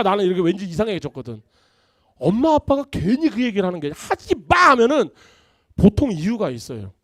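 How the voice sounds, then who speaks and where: A man, a pastor, preaching a sermon in an animated, conversational way in a church. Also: high-pitched, no echo, clean studio sound. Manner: animated, conversational preaching with acted-out family quotes. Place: church sanctuary.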